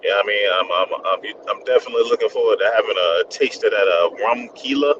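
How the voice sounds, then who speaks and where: A man's voice: lowish voice, quick pace. A man co-hosting a casual chat over a call line that keeps breaking up, talking in a laid-back way with lots of fillers. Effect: breaking up over a choppy call connection. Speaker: podcast co-host. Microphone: remote call. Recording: dull lo-fi call with loud noise.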